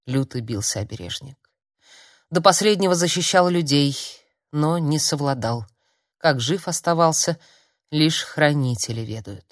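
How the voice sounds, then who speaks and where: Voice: mid-range voice, animated, unhurried, no echo. A narrator giving a dramatic, varied audiobook reading, recorded close to the mic. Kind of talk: audiobook reading of a dark fantasy novel.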